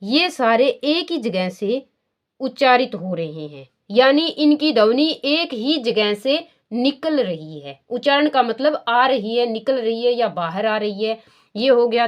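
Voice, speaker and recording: A woman with a voice a little above the usual pitch teaches a grammar lesson. She poses questions and answers them herself, repeats the key terms, and slows right down to draw out each sound she demonstrates. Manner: draws out sounds slowly to demonstrate pronunciation.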